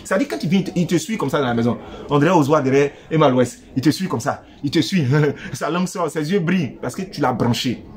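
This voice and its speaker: A man giving relationship advice in a playful, teasing monologue that swings between loud outbursts and low asides, speaking straight to his listeners. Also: lively intonation, quick pace, few pauses.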